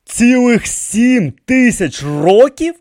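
A man's voice: very high-pitched, expressive, slow pace, no room sound, studio quality, pitched above the performer's own voice, full character voice. A man voicing a sarcastic young king. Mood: indignant. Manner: sharp, incredulous questioning.

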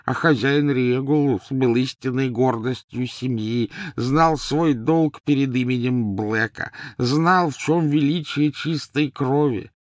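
A man voicing an old, servile male house-elf who croaks and wheezes, dragging his words out in a wail. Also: mid-range voice, no echo, clean studio sound, pitched above the performer's own voice, close to an everyday voice. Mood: grieving. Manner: wails and drags words out slowly. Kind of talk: audiobook character voice.

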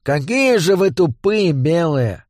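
A cocky little goblin sorcerer with a raised, fairly high voice, boastful and mocking, full of slang, as a male storyteller puts him on. The sound is dry and close. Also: big pitch swings, slow, darkish tone, no room sound, exaggerated voice.

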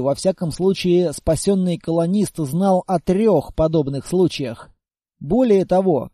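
A man narrating a first-person audiobook in a steady, even-paced reading. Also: high voice, no room sound, studio quality.

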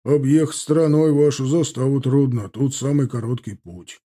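A man's voice: medium pitch, moderate pace, dark tone, close to an everyday voice. A man voicing an adult male cossack scout who hurriedly warns the soldiers before riding off. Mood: urgent.

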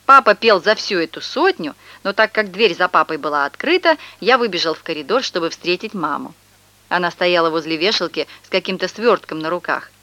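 A woman narrating a children's story aloud in the first person, with lively expression. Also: lowish voice, brisk, no room sound. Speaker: audiobook narrator.

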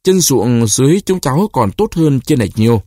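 A man voicing a quick-tongued peasant woman refugee in a read-aloud short story, answering quickly and respectfully. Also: medium pitch, sing-song, dark tone, no echo, studio quality.

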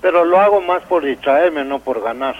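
A man's voice: a little high, lively intonation, normal speed. A man in his fifties with a Guatemalan accent calls in to a radio show, speaking politely and hesitantly. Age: 50s. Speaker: caller. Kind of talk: phone-in chat. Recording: phone-like radio line.

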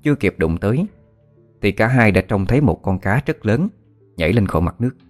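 Male storyteller, low voice, steady ghost story narration, faint music underneath. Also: brisk.

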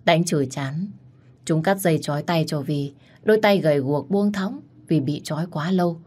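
A woman narrating a dramatic story in a steady voice. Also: low-pitched, normal speed. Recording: faint background music.

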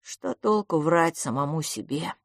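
A woman's voice: sits low, expressive, measured pace, dry recording, studio quality, exaggerated voice. A woman voicing a frail, bitter boy. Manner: bitter, sighing, subdued. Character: boy Philipp, frail, sickly, bitter, weary.

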